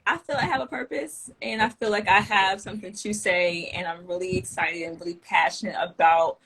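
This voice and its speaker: A woman's voice: mid-range voice, steady tone, brisk, fairly bright tone, slightly rough, low-quality recording. A woman from the DC area, guest on a casual video interview, chatty and upbeat with many fillers and restarts. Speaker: guest, cannabis content creator.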